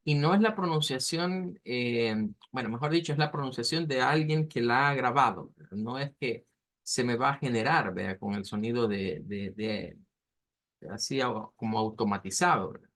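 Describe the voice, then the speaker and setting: A man teaching an online language class, explaining step by step and slowly modeling pronunciation. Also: medium pitch, fairly bright tone.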